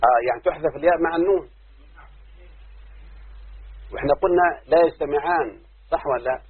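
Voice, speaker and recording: An Egyptian man leads a class on poetic metre, going step by step and checking that his students follow. His voice is somewhat high and very husky. The recording is thin and phone-like. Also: fairly quick. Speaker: teacher of Arabic prosody. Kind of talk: classroom lesson.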